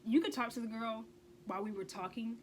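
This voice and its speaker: A woman's voice: on the high side, a little fast, slight background noise, low-quality recording. A woman telling a personal story in a casual vlog, emphatic and blunt, often stressing points with a rhetorical "okay?" and swearing freely. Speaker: vlogger.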